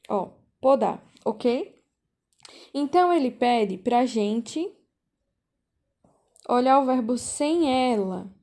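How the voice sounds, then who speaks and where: A high-voiced woman teaches an online class. She speaks slowly and patiently, and she often repeats herself and checks in with the students. Her voice comes through a video call. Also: mellow. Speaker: volunteer teacher.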